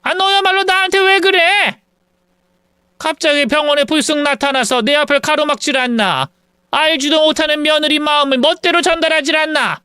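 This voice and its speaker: A man's voice: very high-pitched, normal speed, pushed and bright, clean tone, no room sound, clean studio sound, pitched above the performer's own voice. A man voicing an indignant, stubborn middle-aged mother who scolds her son with exasperated questions in a storytelling reading.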